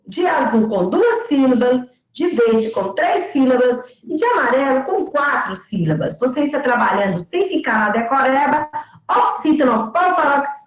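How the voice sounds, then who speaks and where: A high-voiced woman lecturer with a lively, swooping delivery teaches an online lesson. She speaks slowly and sounds words out syllable by syllable. The room is echoey. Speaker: pedagogy lecturer.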